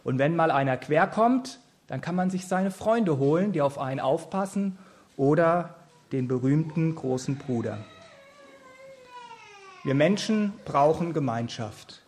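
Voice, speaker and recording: A man in his thirties gives a sermon, earnest and explaining. His voice sits a bit high for a man. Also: darkish tone. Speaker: preacher.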